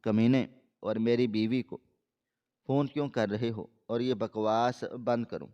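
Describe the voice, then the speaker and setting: A man's voice: medium pitch, fairly even intonation, clean tone, dull audio, close to an everyday voice. A man reading the lines of a furious, jealous husband in a harsh manner. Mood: angry. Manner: harsh, shouting-style reading.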